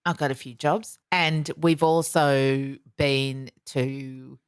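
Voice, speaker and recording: A woman's voice: rumbling low, level tone, takes it slowly, clear, resonant tone, no room sound, clean studio sound. An Australian woman co-hosting a casual comedy podcast, telling rambling, self-mocking stories. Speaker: podcast co-host.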